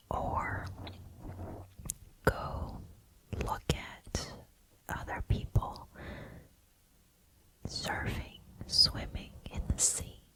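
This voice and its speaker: A woman giving a gentle, reassuring pep talk in an ASMR whisper, close to the microphone. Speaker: ASMR host.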